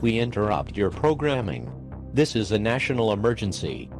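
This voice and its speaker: A grave emergency broadcast announcer, as a man puts him on speaks through a computer-processed filter. The delivery is slow, official and solemn, sitting low in pitch. Loud music plays behind the distant voice. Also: very animated.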